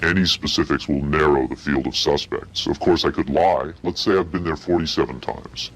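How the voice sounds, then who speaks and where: A man heard through a disguised, pitch-shifted deep voice, giving guarded, curt and evasive answers as an anonymous interviewee. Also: moderate pace, a bit bright.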